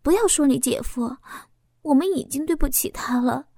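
A woman's voice: high voice, normal speed, dark tone, dry recording, clean studio sound. A woman voicing a bashful woman near forty who speaks in a coy, girlish way. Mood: tender.

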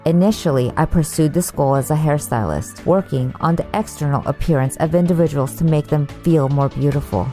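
A woman's voice: low-pitched, brisk, few pauses, warm tone, faint music behind. A woman hosting an interview podcast, eager and enthusiastic with her guest. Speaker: podcast host. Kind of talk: scripted intro, then interview chat.

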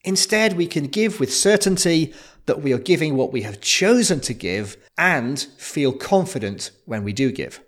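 A man co-hosting a casual podcast, talking in a lively, self-deprecating way and laughing easily. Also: fairly high pitch, moderate pace. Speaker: podcast co-host.

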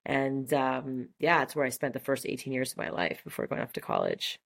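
Her voice is a creaky bass with huge swings in pitch, and she talks a little fast. She's a woman in her forties from Montreal, Canada, a native French speaker who gives an enthusiastic casual interview peppered with fillers and restarts.

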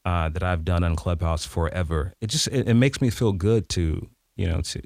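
A man's voice: low-pitched, normal speed, vocal fry, no room sound, clean studio sound. A man who coaches voiceover talent, talking casually and animatedly in an interview. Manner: animated, conversational, jumps into demo voices.

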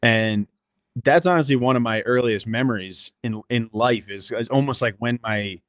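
A young musician from Connecticut, USA, chats casually as a podcast guest in an interview, using a computer mic over a remote call. His mid-range voice moves at a moderate pace, and he rambles with many restarts and self-deprecating asides. The recording is rough but has no echo.

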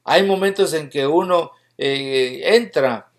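A man preaches a sermon with fervor, reading scripture aloud and rising into emphatic bursts between quieter stretches. His pitch is fairly high and his pace slow.

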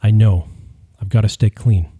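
Earnest, hopeful man about to be a father, as a narrator reads him, dark and mellow in an audiobook. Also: lowish voice, fairly even intonation, normal speed, husky.

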